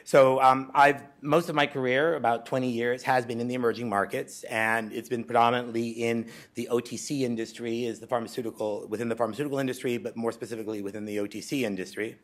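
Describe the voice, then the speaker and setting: A Greek man in his forties gives a conversational presentation in a symposium lecture hall, speaking quickly with few pauses in a medium-pitched, steady voice. He uses frequent ums and restarts as he talks.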